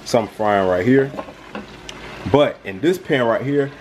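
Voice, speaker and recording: In his home kitchen, a young adult cooking vlogger casually walks viewers through each step of a dish, filmed on a handheld camera held close and at arm's length. His medium-pitched, darkish voice is slow, set against frying, stirring and food sizzling in a pan.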